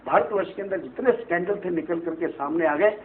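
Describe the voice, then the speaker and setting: A man with a high voice speaks briskly as an astrologer interviewed on TV in a studio setting. His answers are long, preachy explanations, punctuated often by "right?" as he seeks agreement, and the audio is tinny and phone-like with faint hiss.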